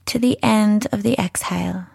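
A woman leading a guided mindfulness meditation, speaking softly and soothingly, unhurried and gentle, with breathy phrase endings. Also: mid-range voice, dry recording. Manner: soothing, unhurried, gentle instruction with long pauses.

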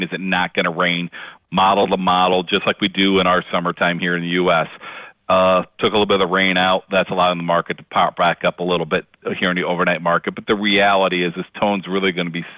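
Phone guest: low-voiced male market analyst on a tinny, dry phone line, casual and chatty. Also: flat delivery, no echo. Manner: conversational, with fillers and quick restarts. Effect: heard over the phone. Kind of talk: phone interview market commentary.

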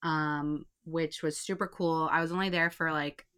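Young woman podcast co-host, casual, lowish voice. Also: steady tone, fairly bright tone, clean tone. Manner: reacts with quick interjections, then tells her own story. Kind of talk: casual chat.

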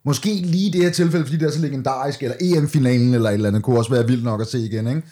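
Male podcast co-host, mid-pitched voice, loose colloquial sports chat with mild swearing. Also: fairly even intonation, mellow. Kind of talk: casual chat, football watch-along commentary.

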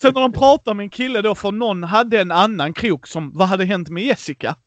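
A man's voice: sits high, no echo. A man hosting a casual podcast chat, animatedly retelling a tabletop game session and acting out the players' lines. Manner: animated storytelling, acts out players' lines, laughs a lot. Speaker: podcast host.

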